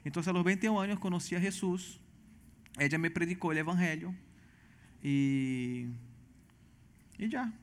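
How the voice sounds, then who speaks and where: In a church interview, a missionary guest from Venezuela tells his testimony earnestly, his high-sitting voice carrying a Brazilian Portuguese accent. His speech frequently stops and starts over.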